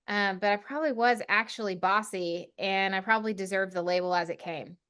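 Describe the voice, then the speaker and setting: Her mid-range voice is smooth and a bit bright, moving a little fast. She's a consulting firm CEO in her forties from Oklahoma, chatting about leadership as a podcast guest in a relaxed interview, articulate and confident with a self-deprecating streak.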